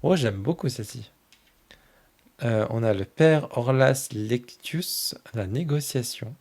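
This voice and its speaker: Slow, soft-spoken man leafing through cards. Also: medium pitch, creaky. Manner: gushes fondly over each card. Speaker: tarot channel host. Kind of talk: casual oracle deck flip-through.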